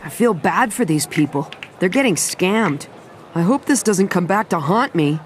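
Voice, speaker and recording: A woman's voice: on the low side, animated, moderate pace, lightly acted. A woman voicing a sincere, kindhearted young boy in a cartoon dub, speaking simply. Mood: thoughtful. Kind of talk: animated dub dialogue, inner monologue.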